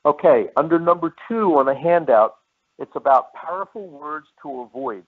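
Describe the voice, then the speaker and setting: A man giving an insurance sales training, lecturing in a repetitive way and slowing down to list key words. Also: a little high, animated. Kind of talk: training presentation. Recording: tinny phone-like line.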